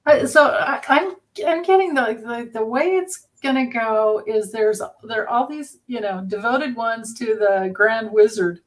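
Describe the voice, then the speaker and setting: A woman's voice: a little high, a little slow, few pauses. A woman reading cards in a casual group chat, rambling and restarting. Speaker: card reader.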